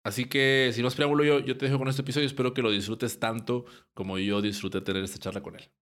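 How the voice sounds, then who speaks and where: A young man from Mexico, hosting a casual podcast and talking in a relaxed, rambling way with many restarts. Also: mid-range voice, quick pace. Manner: relaxed, rambling with frequent restarts and short laughs. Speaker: podcast host. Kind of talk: casual podcast intro and interview.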